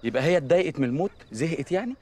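A man's voice: a little high, animated, very fast, darkish tone. An actor playing a sarcastic man who teases his panicked friend, speaking with an Egyptian accent. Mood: mocking. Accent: Egyptian Arabic. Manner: sarcastic, teasing, jokey. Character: mocking, teasing man named Abbas, always joking. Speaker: friend at a crime scene. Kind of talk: Egyptian TV comedy acting.

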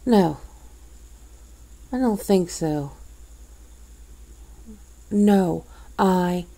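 Woman acting scornful, fed-up friend, low gravelly voice. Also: extremely slow, dark tone, heavily acted. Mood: disgusted, cold. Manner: scornful, berating, swearing. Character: fed-up woman coldly cutting off a bad friend. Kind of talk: ASMR role-play, one-sided confrontation.

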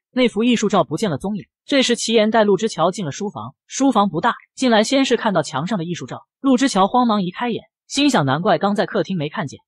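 Quick, lively male comic narrator. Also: high-pitched, breathy edge, dry recording. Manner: brisk storytelling. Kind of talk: scripted narration.

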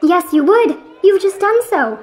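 In a radio play, a woman performs a pompous, irritable man whose high voice swoops up and down sharply. He scolds a friend with fussy precision, sounding condescending and indignant, very animated and fairly quick. He comes across as offended.

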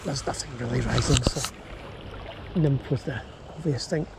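An angler and vlogger with a creaky, medium-pitched voice talks at a normal pace, murmuring casual first-person commentary while wading a small river and breaking into exclamations now and then. It's captured on a body-worn action camera outdoors, with running river water constantly audible.

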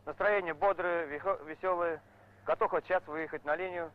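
A man's voice: a little high, steady tone, moderate pace. A man who drives long-haul trucks, giving an interview testimonial. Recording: muffled old film soundtrack.

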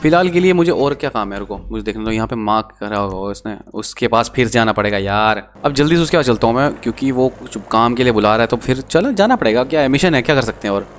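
A man giving chatty, excitable gameplay commentary as a gaming streamer, talking to his viewers. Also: medium pitch, quick pace, hardly any pauses, a little hiss or hum.

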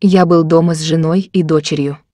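A woman calmly reads translations of short phrases in an even, steady way. Her voice sits low and sounds mellow and warm. The recording is dry and close. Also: moderate pace, no room sound. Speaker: translation reader.

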